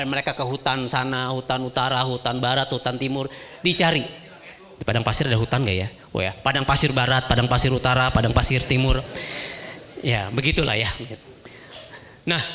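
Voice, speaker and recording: A man preaching a sermon as an animated storyteller who acts out voices. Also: mid-range voice.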